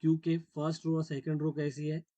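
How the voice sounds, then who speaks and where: A man lectures a math class with a slightly high, mellow voice. He walks through each step and keeps checking that his students follow. The sound is dry and close. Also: monotone, a little fast, no room sound. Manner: explains step by step, checks understanding often; mixes English terms into Hindi. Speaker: math teacher.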